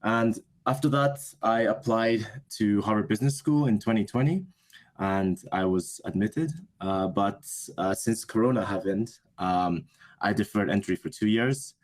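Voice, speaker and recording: This young adult man, a business school student appearing as an interview guest, speaks Japanese as his first language. His voice sits fairly low and his pace is unhurried. He answers the questions thoughtfully and hesitantly, often correcting himself.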